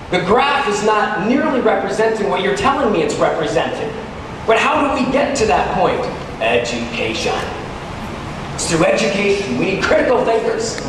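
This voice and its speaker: Speaking to teachers at a conference, a high-voiced man who is also a teacher delivers a motivational keynote that's both conversational and dramatic, elongating important words. The big hall echoes heavily, he sounds far from the microphone, and background noise is clearly audible.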